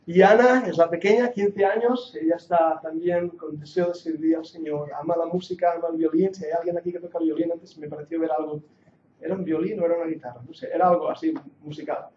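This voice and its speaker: In a muffled, echoey hall, a Catalan Bible teacher in his forties delivers a sermon-like lecture, joking earnestly before building to emphatic preaching. He talks fast in a slightly high, a little mellow voice with fairly even intonation, his accent a blend of Catalan Spanish and English. The handheld or lapel mic picks up a little hiss or hum.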